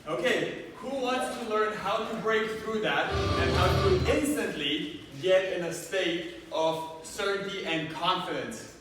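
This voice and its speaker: A man's voice: sits high, slow pace, recorded from a distance, over music. Man speaking in an echoey hall. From Romania. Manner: engaging, asks the audience questions. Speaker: motivational speaker. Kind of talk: live seminar talk. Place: large hall with audience.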